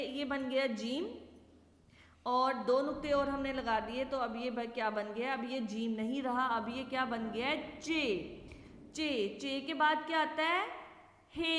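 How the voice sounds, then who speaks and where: Female teacher, high voice, patient children's lesson; roomy, reverberant recording. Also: a bit bright. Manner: slow, patient, asks and answers own questions. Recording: echoey room with long reverb.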